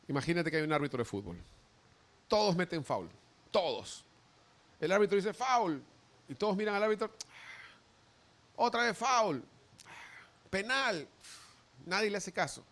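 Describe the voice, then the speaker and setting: A male pastor preaching a sermon, animated, acting out quoted voices as he goes. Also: on the high side.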